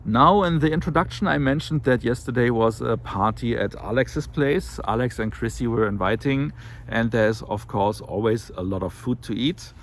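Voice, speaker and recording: A medium-pitched man speaks at a normal speed, with slight background noise, in a casual monthly weight loss vlog to camera. Slightly nasal from an allergy, he rambles with many fillers and self-corrections.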